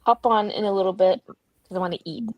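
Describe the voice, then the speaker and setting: A woman hosting a reading livestream from home, chatting casually and telling stories in a relaxed way. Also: mid-range voice, fast talker, dry recording, rough recording. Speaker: sprint host on a reading livestream. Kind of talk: casual chat. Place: at home with her dog.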